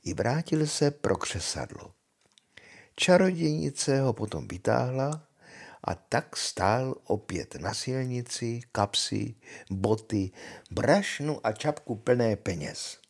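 An older man reads a fairy tale aloud to his grandchildren. His voice is husky and breathy, with a lively, animated pitch that rises and falls through the telling.

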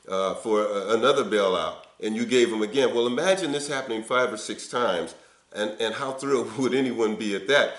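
A man's voice: on the low side, fairly bright tone, echoey room. An older man preaching a sermon in an earnest, conversational way, recorded on a webcam in an indoor office. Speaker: pastor. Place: indoor office before window blinds.

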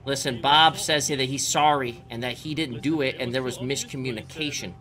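A man's voice: medium pitch, fairly even intonation, a little fast, bright, forceful tone. A man in his thirties role-playing in casual, slangy, cajoling chat on a close streaming mic. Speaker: streamer role-playing in an online crime game. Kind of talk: casual improvised in-character chat. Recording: game voices and vehicles behind.

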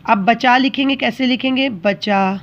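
A woman's voice: on the high side, unhurried, muffled recording. Patient woman teaching children handwriting. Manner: patient, explains step by step and checks understanding.

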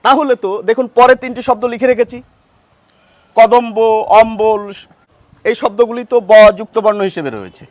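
Male teacher with a Bengali accent, high-pitched and dry-miked, methodical grammar lesson with worked examples. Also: expressive, no echo. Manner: deliberate, sounds out example words, asks questions then answers them.

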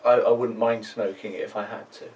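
A man's voice: on the low side, little pitch movement, a little fast, a little mellow, dull audio. A British man in his twenties chatting casually and bantering as co-host of a review video. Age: 20s. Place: small indoor room. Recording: slightly distant microphone.

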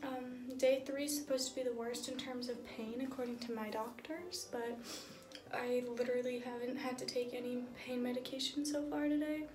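High-voiced young woman vlogging casually. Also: steady tone, normal speed. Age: young adult. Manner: hesitant, filler-heavy rambling with frequent "like". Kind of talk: casual video diary update.

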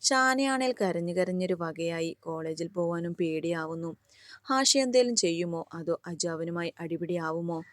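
Calm low-voiced woman storyteller. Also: normal speed, dry recording. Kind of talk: scripted romance story narration.

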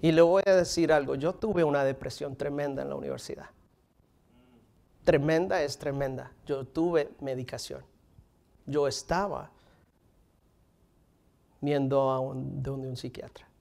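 A man in his thirties preaching a sermon on a stage, swinging between forceful emphasis and hushed, near-whispered lines. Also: mid-range voice, fairly even intonation, unhurried, gravelly, long pauses. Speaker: pastor. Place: stage in front of a curtain, indoors.

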